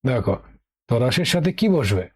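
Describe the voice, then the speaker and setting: A medium-pitched, husky male voice runs brisk and sing-song. The speaker, a middle-aged man with a Bengali accent, patiently teaches English vocabulary for exam prep online, repeating key words and regularly checking "ঠিক আছে?".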